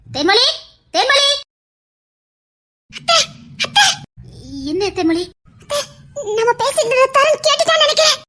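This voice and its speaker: A woman playing an eager young niece in a comedy serial, talking quickly with a Tirunelveli Tamil accent. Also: very high voice, big pitch swings, pushed and bright.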